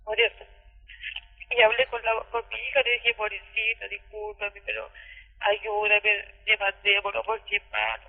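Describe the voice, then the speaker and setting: A Chilean woman in midlife speaks over a tinny telephone line with a lingering echo. Her voice is gravelly and husky, and she halts, repeats herself and presses on through an emotional retelling. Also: medium pitch, flat delivery, moderate pace. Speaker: caller recounting abuse. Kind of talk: emotional phone testimony.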